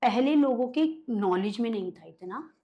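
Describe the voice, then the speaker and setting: Her voice runs on the high side with lively intonation and normal speed, though the audio sounds dull. She's an occult healer interviewed as a guest, sharing stories conversationally and acting out what her clients said.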